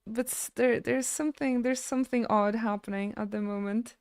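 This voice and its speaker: A woman game streamer chatting casually with her live audience, halting and stammering as she thanks viewers between frequent laughs. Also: on the high side, fairly even intonation, darkish tone, clear, resonant tone, no room sound.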